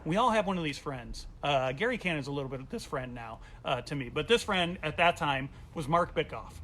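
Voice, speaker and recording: Animated male comedian telling a funny story. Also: on the high side, a little fast, a little hiss or hum. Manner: animated, acts out quoted voices. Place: at home during quarantine.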